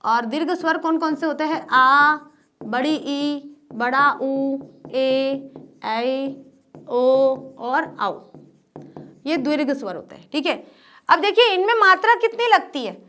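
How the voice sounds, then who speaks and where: A woman's voice: sits high, lively intonation, unhurried, pushed and bright. A woman teaching an exam-prep grammar lesson to students, asking questions and answering them herself and repeating the key terms.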